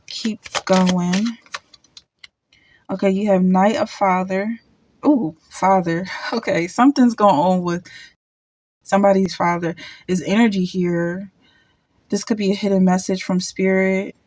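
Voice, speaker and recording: A woman giving a casual pick-a-card tarot reading, thinking aloud with halting restarts and repeated words. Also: medium pitch, steady tone, darkish tone.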